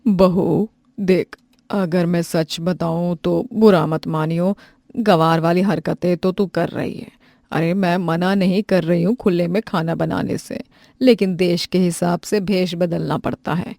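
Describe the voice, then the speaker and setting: A woman's voice: on the low side, steady tone, a little slow, gravelly, mellow, no room sound, clean studio sound. A woman voicing a stern older mother-in-law who lectures plainly.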